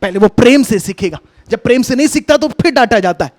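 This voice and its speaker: A man's voice: extremely high pitch, lively intonation, fast talker. A man preaching a sermon over a video call, talking conversationally, coaxing his listeners and repeating his instructions. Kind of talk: online sermon with a hands-on demonstration.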